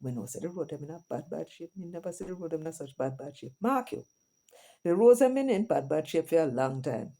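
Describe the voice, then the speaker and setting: Her voice is low, mellow and expressive, and she talks a little fast. The middle-aged Jamaican host delivers a relaxed monologue to her channel's viewers, shifting between patois and English and adding chatty asides.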